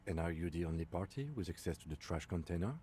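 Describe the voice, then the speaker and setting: An actor playing a calm, formal police lieutenant in a video game, measured and polite. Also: male voice, low voice, a little hiss or hum, lightly acted. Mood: composed.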